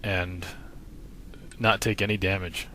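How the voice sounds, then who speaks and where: Speaking slowly in a deep voice with fairly even intonation, a man narrates a game walkthrough with casual, laid-back, matter-of-fact instruction. Crowd noise is present, and the recording is noisy with video game sound in the background.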